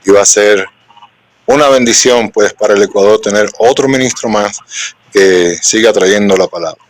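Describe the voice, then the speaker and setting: Hosting a live-stream interview, a Cuban man with a Cuban accent speaks in an earnest, unhurried way. His voice is fairly low-pitched.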